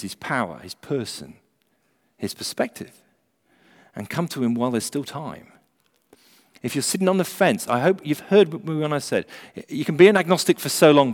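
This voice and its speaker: A man preaching an evangelistic sermon, earnest and urgent, with rhetorical questions and repeated phrases. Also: a little high. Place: large church or hall, preaching live. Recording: echoey hall with long reverb.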